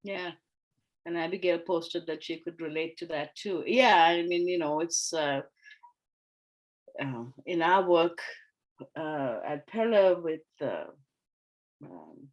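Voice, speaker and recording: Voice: medium pitch, slow pace, long pauses, muffled recording. A facilitator from Sri Lanka leading an online workshop discussion over a video call, speaking thoughtfully with frequent fillers and restarts.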